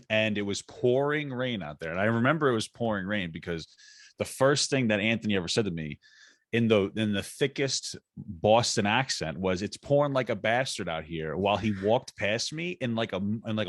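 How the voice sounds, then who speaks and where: A man's voice: fairly low pitch, fairly bright tone, no room sound, studio quality. A young man, a guest on a casual podcast, teasing a friend and telling workplace stories with stumbles. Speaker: guest, coworker of the host.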